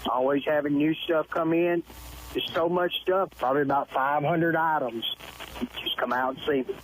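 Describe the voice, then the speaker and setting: A man, a store owner giving a plain, easygoing sales pitch. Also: fairly even intonation, moderate pace, poor audio. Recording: faint background noise.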